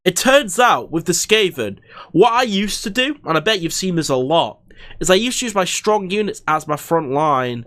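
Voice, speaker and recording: A man's voice: high-pitched, lively intonation, moderate pace, fairly bright tone, no room sound. A young man giving rambling, casual commentary on a strategy game he is playing, talking close to a desk microphone with lots of fillers and restarts. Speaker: gaming YouTuber. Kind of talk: casual let's-play commentary. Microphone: desk microphone in front of him.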